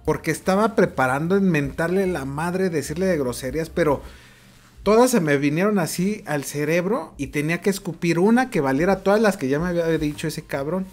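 A man with a Mexican accent telling a funny personal story for his vlog, animated and laughing often. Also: a little high, fairly quick, faint music behind. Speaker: vlogger.

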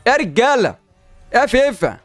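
This gaming YouTuber, a man with an Egyptian Arabic accent, exclaims and argues with the game while opening packs. His voice is very high at a moderate pace, with no room sound and soft music in the background.

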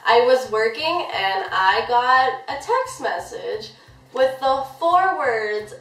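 A woman's voice: on the high side, lively intonation, slow, fairly bright tone, distant mic, faint music behind. A young woman vlogger telling a story to her camera in a casual, rambling way, with lots of "like". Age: young adult. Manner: chatty, rambling, heavy use of "like". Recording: echoey room, voice a bit off-mic.

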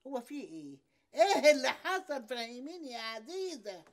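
A woman's voice: sits high, big pitch swings, fairly quick. A prying Egyptian mother-in-law. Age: older. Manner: prying, complaining, insistent questions. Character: nosy older mother-in-law, suspicious and demanding. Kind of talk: TV series acting.

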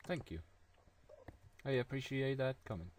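A man chatting casually while playing a video game with a friend, making silly deadpan jokes. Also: mid-range voice, normal speed. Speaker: gaming video co-host. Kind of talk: casual gameplay chat.

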